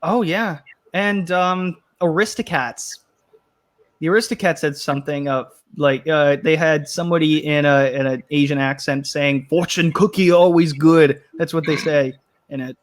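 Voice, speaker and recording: Male show host, casual panel chat, a touch high-voiced, loose and rambling delivery. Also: steady tone, moderate pace. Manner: rambling, restarts, reads chat comments aloud.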